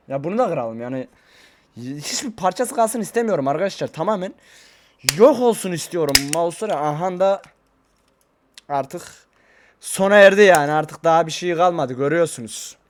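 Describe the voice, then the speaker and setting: Guy with a pretty high voice rambling to his viewers, excitable vlog chat into a desk mic. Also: slight background noise. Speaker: YouTuber. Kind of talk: casual vlog talk to camera. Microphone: desk microphone.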